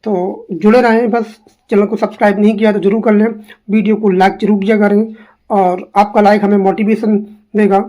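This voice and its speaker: A woman teaching an exam-prep English lesson, echoing her own answers back as questions and reading quoted lines slowly. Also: mid-range voice, flat delivery, warm tone. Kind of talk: quiz answer walkthrough lesson.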